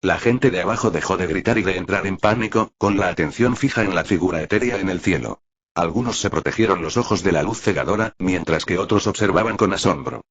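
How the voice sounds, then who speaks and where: Deep husky male audiobook narrator. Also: brisk, a bit bright, dull audio.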